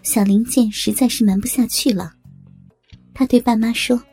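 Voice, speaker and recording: A woman narrating a serialized story in a steady, dramatic storytelling manner. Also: fairly high pitch, moderate pace, slightly rough, faint music behind.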